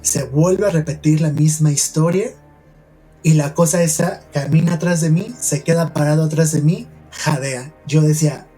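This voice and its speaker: A man with a Mexican accent, a podcast host from San Luis Potosí telling a personal paranormal story in an earnest, hushed way with many fillers. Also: fairly high pitch, fairly even intonation, moderate pace, husky, soft background music.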